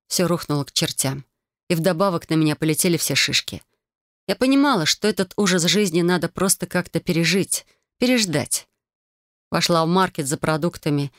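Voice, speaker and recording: A woman narrating a first-person fantasy audiobook in an expressive, emotional storytelling manner. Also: sits low, no echo, studio quality.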